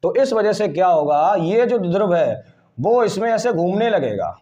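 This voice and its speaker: A man's voice: high voice, sing-song, normal speed, warm tone, dull audio. A man teaching physics at a board with a Hindi-speaking Indian accent, repeating key terms and asking questions back to the class. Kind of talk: whiteboard lesson.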